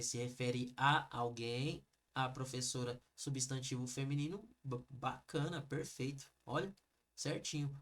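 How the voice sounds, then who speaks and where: A man with a Brazilian Portuguese accent teaching an online exam review lesson, explaining each answer step by step and talking straight to the viewers. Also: fairly high pitch. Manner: lively, explains step by step, addresses viewers as "gente".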